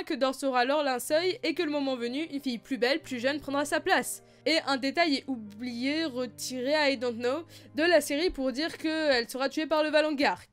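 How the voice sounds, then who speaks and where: A young woman vlogger talking casually about fan theories, playful and self-mocking, her voice slightly hoarse. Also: sits high. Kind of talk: casual chatty video commentary.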